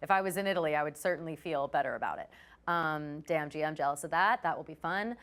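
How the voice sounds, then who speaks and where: Female talk host, lowish voice, loose and profane, rapid asides. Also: fairly bright tone. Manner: chatty, profane, quick asides. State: out of breath. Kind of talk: casual chat.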